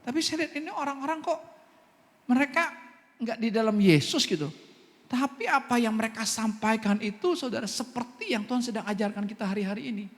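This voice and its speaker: A man's voice: very high voice, fairly quick. A man preaching a sermon as pastor, telling a story with lots of asides and laughter. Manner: lively storytelling with many asides, laughing often. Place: church hall. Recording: long church-hall reverb.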